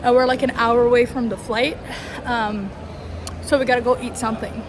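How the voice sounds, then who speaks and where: A young woman vlogging to camera in a casual, chatty, expressive and informal way. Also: on the high side, moderate pace. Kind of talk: casual vlog chat to camera. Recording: clear background noise, travel ambience.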